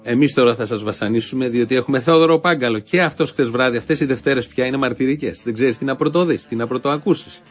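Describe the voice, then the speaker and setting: A man's voice: mid-range voice, few pauses, faint music behind. A man hosting a satirical show, delivering biting, sarcastic commentary on politics. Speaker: host.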